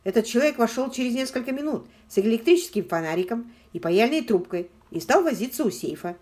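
A woman's voice: on the high side, expressive, quick pace, darkish tone, pitched above the performer's own voice, natural voice. A woman voicing a determined young man who speaks in an urgent, heated way.

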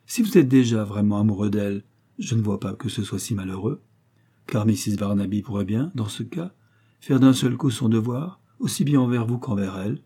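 A man's voice: lowish voice, expressive, normal speed, mellow, slightly rough. A man reading a blunt young sister. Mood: matter-of-fact.

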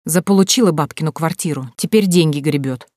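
Женщина читает за язвительную невестку, ехидно и визгливо, низковатый голос. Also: female voice, a little fast, darkish tone, dry recording, clean studio sound, natural voice. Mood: spiteful. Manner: snide, shrill. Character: shrill spiteful sister-in-law, young woman.

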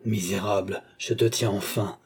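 A man's voice: medium pitch, measured pace, slightly rough. A man playing an enraged young nobleman. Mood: furious. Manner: raging, accusing, shouting at times. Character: furious young male nobleman seeking revenge.

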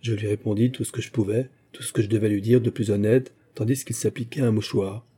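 A man reads a classic memoir aloud in the first person. His delivery is measured and even. His voice is very dark, mellow and husky. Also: on the low side. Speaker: audiobook narrator. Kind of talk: literary audiobook reading, first-person memoir.

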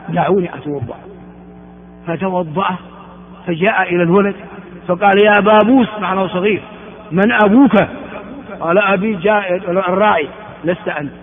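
A man from Ethiopia giving a classroom lecture on religious texts, repeating words and asking rhetorical questions of his students. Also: high voice. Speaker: religious teacher. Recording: phone-like sound in an echoey hall.

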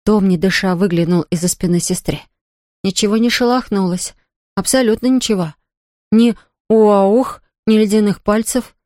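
Woman reading a kids story aloud, mid pitch, dry close sound. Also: moderate pace, warm tone, no room sound. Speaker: narrator. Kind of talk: scripted storybook narration.

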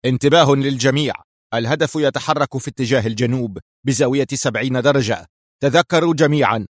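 A man's voice: medium pitch, fast talker, dry recording, studio quality, natural voice. A man voicing a ruthless male commander who barks orders in a harsh, commanding way.

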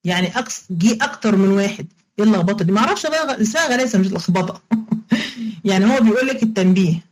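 A woman's voice: mid-range voice, expressive, very fast, rough recording. A woman teacher with an Egyptian Arabic accent, giving an online lesson in a playful, coaxing way, repeating each step and quizzing her students. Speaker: religious studies teacher.

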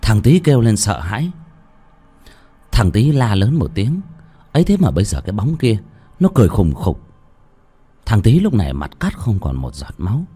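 A man narrating a ghost story in a lively, dramatic reading. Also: lowish voice, normal speed, long pauses, slightly rough.

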